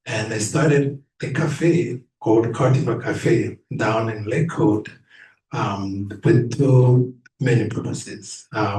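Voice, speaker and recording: A man from Rwanda giving a presentation to a club meeting, halting with many pauses and fillers. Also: lowish voice, a little mellow. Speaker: guest speaker at a club meeting. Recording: echoey room, mic from a distance.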